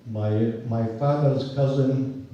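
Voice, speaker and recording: An older man from Palestine, a university professor, giving an earnest, measured rally speech outdoors. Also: medium pitch, steady tone, warm tone, very echoey, far from the mic, muffled recording, slight background noise. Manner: earnest, measured storytelling with restarts.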